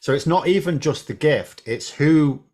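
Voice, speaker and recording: A man's voice: a little high, moderate pace, darkish tone. A man co-hosting a talk show, casually arguing his points in colloquial, discursive conversation. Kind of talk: casual chat.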